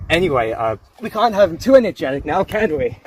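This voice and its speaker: A man playing an unhinged, socially awkward killer confessing to camera in halting, rambling speech, with trouble pronouncing his R's. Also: fairly low pitch, noisy background. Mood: unsettlingly amused. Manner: halting, rambling, stammering, with odd chuckles.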